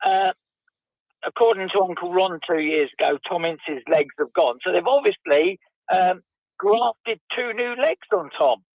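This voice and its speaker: A man's voice: high-pitched, unhurried, no room sound. A man calling in to a radio phone-in, chatting and joking, his voice muffled as if he were at the bottom of a well. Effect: muffled phone line, as if down a well. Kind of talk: casual chat. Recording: tinny phone line.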